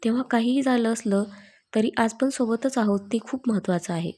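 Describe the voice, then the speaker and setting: A loving young bride-to-be with a coaxing, playful way of talking, as a woman narrator plays her. Her voice is fairly high and mellow. This is an audio storybook reading. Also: a little fast, natural voice. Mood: tender.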